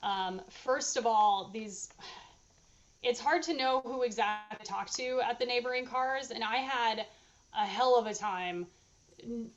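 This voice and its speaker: A woman's voice: fairly high pitch, measured pace, dull audio. A woman answering questions at her dissertation defense, thinking aloud in a hesitant, hedging, informal academic way.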